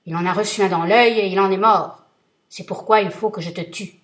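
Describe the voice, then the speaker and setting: A woman voicing a huge, ancient male genie, loud, menacing and relentless in his vengeance. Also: mid-range voice, fairly even intonation, a little fast, lightly acted.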